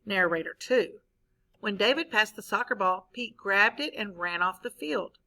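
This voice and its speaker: A woman's voice: medium pitch, normal speed, poor audio. A woman teacher, reading a story aloud to her class and stopping to ask questions. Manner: expressive, asks the class questions.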